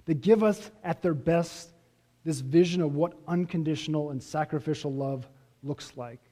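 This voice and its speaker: A man preaching a sermon as pastor, earnest, pressing his points and then letting them fall away softly. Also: on the high side, moderate pace. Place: church sanctuary. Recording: reverberant church hall.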